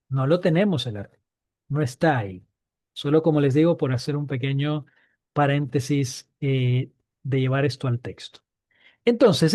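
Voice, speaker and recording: A man's voice: fairly high pitch, warm tone, no echo. A man teaching Biblical Hebrew, repeating key points and asking his students questions. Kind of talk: online class lesson.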